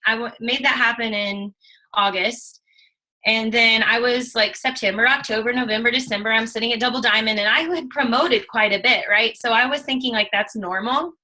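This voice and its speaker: A woman in her thirties telling her own story in a casual, animated way, acting out what she and others said. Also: fairly high pitch, normal speed, poor audio. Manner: animated, emotional storytelling with quoted asides. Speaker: network marketing distributor. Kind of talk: casual testimonial chat.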